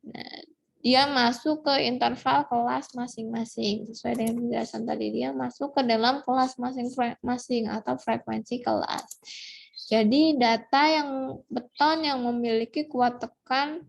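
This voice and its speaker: A woman's voice: on the high side, steady tone, unhurried, gravelly. A woman lecturer giving a recorded online lesson, explaining step by step with many fillers and restarts. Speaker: university lecturer.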